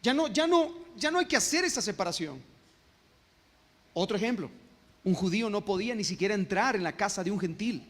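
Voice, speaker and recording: A man's voice: sits high, expressive, fairly quick, a bit bright, big-room sound. A male pastor preaching a sermon, often stopping to ask his congregation questions. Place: church sanctuary.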